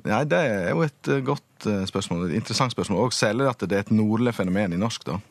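A male linguist being interviewed, explaining patiently and pausing often to find his words. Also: lowish voice, animated, no echo. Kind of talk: radio interview.

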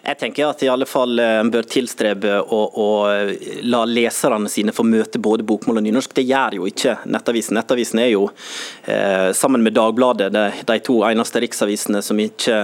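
A man who leads a language organisation, arguing in a radio debate at a measured pace and pausing often on "eh". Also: fairly low pitch, steady tone. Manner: measured, with frequent "eh" pauses.

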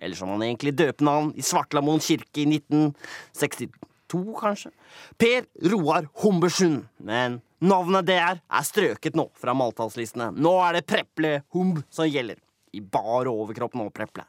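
A man, a comedy show host, giving theatrical mock-dramatic documentary narration that swings between booming and hushed. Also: sing-song, dry recording, clean studio sound.

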